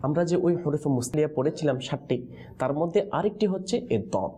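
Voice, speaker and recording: Lively, mellow-voiced male Quran teacher. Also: a little high, a little fast, husky. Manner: call-and-response teaching, prompting answers with questions. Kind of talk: classroom lesson in letter pronunciation.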